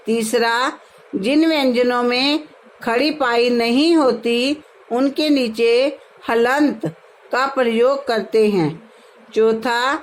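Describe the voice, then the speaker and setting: A woman's voice: a little high, rough recording. A woman teacher, patiently explaining a grammar lesson to her students. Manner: slow, patient, addresses students as "beta".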